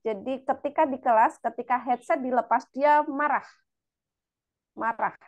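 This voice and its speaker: A woman's voice: high voice, normal speed, dull audio. An Indonesian woman moderating a teachers' webinar and sharing her own classroom experience. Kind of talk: webinar talk.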